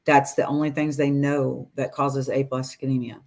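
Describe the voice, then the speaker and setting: A woman in her forties tells her story as a guest over a video call from a room at home. She talks in a casual, animated way, acting out her doctors' lines and laughing between phrases. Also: rumbling low, moderate pace. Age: 40s.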